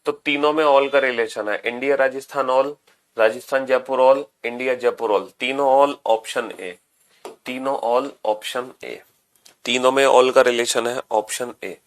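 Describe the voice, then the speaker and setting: A man's voice: mid-range voice, steady tone, unhurried. A man teaching a class, explaining step by step, repeating each point and often calling his students "beta". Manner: repeats points, addresses students as beta, mixes English phrases. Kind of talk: classroom lecture.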